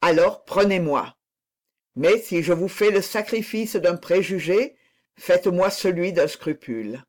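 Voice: medium pitch, animated, unhurried, a little mellow, close to an everyday voice. A reader voicing an impassioned noble lady who declares her love in a fervent, pleading manner.

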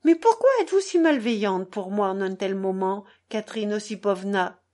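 A woman's voice: on the high side, animated, a little mellow. A woman reading aloud, voicing an emotional, fervent young society woman in a pleading manner. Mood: insistent. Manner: emotional, pleading, quick shifts.

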